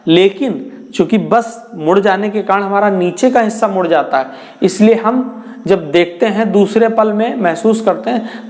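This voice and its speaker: A man's voice: sits high, a little mellow. A male physics teacher giving a classroom lecture in Hindi, asking questions and answering them himself, repeating phrases as he explains.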